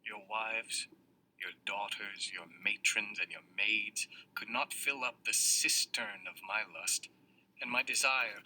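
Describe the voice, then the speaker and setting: A man's voice: medium pitch, natural voice. A man playing a guarded young prince in solemn verse, noisy recording. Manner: measured, solemn verse delivery. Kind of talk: classical stage verse reading. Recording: noisy old audio recording.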